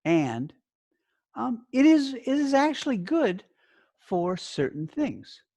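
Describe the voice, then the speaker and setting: A teacher trainer gives a lesson to learner teachers, speaking slowly and deliberately in short phrases. His very animated, creaky, warm voice swings widely in pitch as he stresses points and checks in with brief questions. The sound is close and dry, with no echo.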